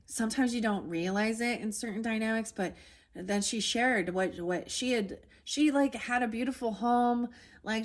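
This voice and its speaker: Woman in her 40s doing a chatty tarot reading, kinda low voice, lots of ums and likes. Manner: rambling, with frequent fillers and restarts. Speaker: tarot reader. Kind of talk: casual spoken tarot reading.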